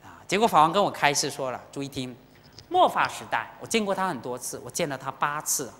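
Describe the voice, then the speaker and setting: A Buddhist teacher preaching in a temple with an expressive, swooping delivery and a bright, forceful tone. The talk is full of emotional storytelling and direct appeals to the listeners. The voice carries a long reverb from the hall. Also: mid-range voice, fairly quick. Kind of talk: sermon.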